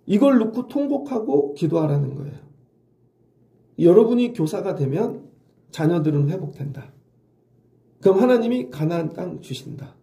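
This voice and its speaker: A man's voice: sits high, gravelly, mellow, echoey room. A middle-aged male pastor giving an early-morning sermon in a conversational way, often asking the congregation questions. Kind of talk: dawn sermon.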